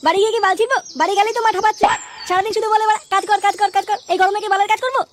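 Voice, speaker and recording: Woman voicing a cocky cussing cartoon village boy, super high and rapid, noisy track. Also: steady tone. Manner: swears constantly, coaxing and cocky. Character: foul-mouthed idle village boy. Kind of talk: cartoon comedy voice acting.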